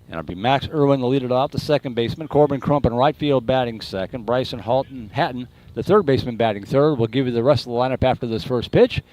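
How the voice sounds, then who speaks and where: A man's voice: quick pace, few pauses, darkish tone, poor audio. A man doing live baseball play-by-play in an announcer voice. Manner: announcer voice calling pitches and plays. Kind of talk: live sports commentary.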